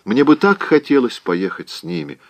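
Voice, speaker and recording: A man's voice: mid-range voice, big pitch swings, normal speed, no room sound, voice pushed up. A man voicing a spoiled, wilful young woman who pleads and storms, in an audiobook reading. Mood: petulant pleading.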